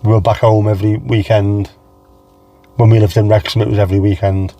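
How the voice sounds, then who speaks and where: On a recording with the highs cut off, a low-energy livestream host from England speaks a little fast in a lowish, level voice with a mild Scouse accent. He's chatty and rambling, calling out chat names and responding to them.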